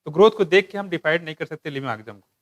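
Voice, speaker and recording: A man teaching a biology class, asking students questions, joking and reading textbook lines slowly. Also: on the high side, dull audio. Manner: asks students questions and jokes, mixing Hindi with English textbook lines; slows down to read English lines aloud. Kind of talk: classroom lecture.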